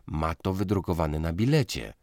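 A man reading an audiobook, voicing a mild, polite man who speaks in a gentle, conciliatory way. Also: low-pitched, expressive, moderate pace, no echo, clean studio sound. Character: mild, polite man placating an old schoolmate. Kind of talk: audiobook character voice.

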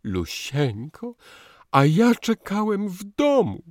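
A man's voice: high voice, huge pitch swings, slow pace, no room sound, clean studio sound, voice pushed up, exaggerated voice. A man playing a sentimental, touchy young husband. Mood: tender. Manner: tender, sentimental. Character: emotional young husband, quick to anger and tears.

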